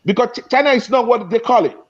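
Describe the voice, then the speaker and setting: A man with a notably high voice argues with passion, tripping over and repeating his words as he pushes his point. The audio is dull and lo-fi. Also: quick pace. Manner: passionate, repeats and restarts phrases. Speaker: guest speaker in an online discussion. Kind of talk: heated debate.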